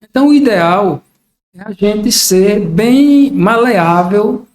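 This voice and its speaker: A man's voice: high voice, expressive, slow pace, reverberant. An older man, a podcast guest talking in a reflective way and acting out everyday examples. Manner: reflective, explains with acted-out examples. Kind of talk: casual podcast conversation.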